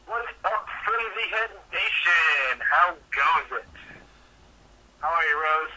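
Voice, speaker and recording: A man's voice: a little high, takes it slowly, noisy background. A man co-hosting a casual sports talk show, congested from stuffed-up sinuses, easygoing and joking. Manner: easygoing, joking, filler-heavy.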